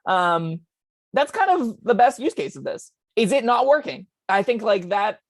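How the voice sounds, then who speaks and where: A woman co-hosting a casual tabletop game podcast, talking in quick chatty bursts with plenty of ums. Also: on the high side, lively intonation, slightly rough, dry recording. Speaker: co-host discussing tabletop spells.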